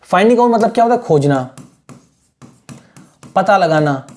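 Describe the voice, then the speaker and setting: A male teacher gives a screen-share language lesson in a high, slightly mellow voice with lively intonation at normal speed. He patiently repeats points, checks in with the viewer, drills pronunciation syllable by syllable, and mixes English phrases into his explanations.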